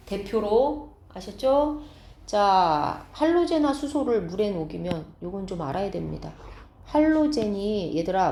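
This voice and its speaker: A woman science teacher giving a classroom lecture, explaining step by step and often asking students quick check questions. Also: medium pitch, mellow, reverberant, a little hiss or hum.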